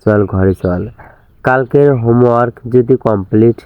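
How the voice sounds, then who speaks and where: A man's voice: medium pitch, a little slow, smooth, no echo, natural voice. A man voicing a bossy, scolding big brother in a storybook reading, stern but caring, on a tinny narrow-band recording.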